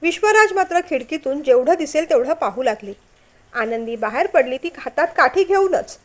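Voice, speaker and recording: High-voiced woman storyteller. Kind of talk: reading a family novel aloud.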